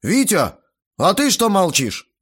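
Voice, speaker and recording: A man voicing a red-faced, indignant fat middle-aged uncle who shouts and sputters, in an audiobook. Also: sits high, wildly swooping pitch, takes it slowly, husky, pitched above the performer's own voice, exaggerated voice. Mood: indignant shouting.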